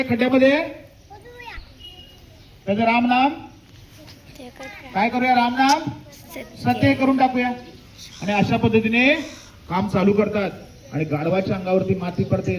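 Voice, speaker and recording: A man's voice: high-pitched, darkish tone, highs cut off, slight background noise. A man narrating a children's story, asking his listeners questions and answering them himself while repeating key words.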